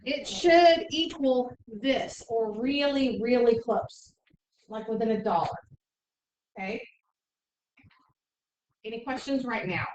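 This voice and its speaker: A woman teaching a middle school math class, briskly explaining steps and checking in with "okay?" often. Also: on the high side, darkish tone. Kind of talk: classroom instruction. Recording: echoey room, mic far off, faint noise.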